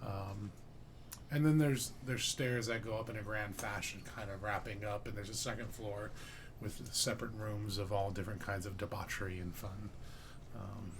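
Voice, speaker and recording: A man with a lowish voice narrates as game master of a tabletop role-playing game. He describes each scene in a loose, rambling way, full of "like" and "um". A faint hiss sits under the recording. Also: steady tone, normal speed.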